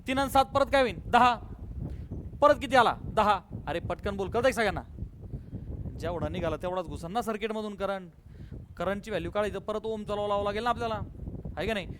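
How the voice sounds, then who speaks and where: A man's voice: high-pitched, fairly bright tone, slight background noise. A male physics teacher with a Marathi accent lecturing a class, coaxing answers from students and calling them बाळा and बेटा.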